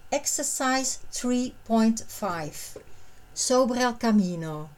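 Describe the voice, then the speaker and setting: A woman narrating a scripted language lesson, reading short phrases and translations in a measured, clearly separated way. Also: on the high side, expressive, low-quality recording.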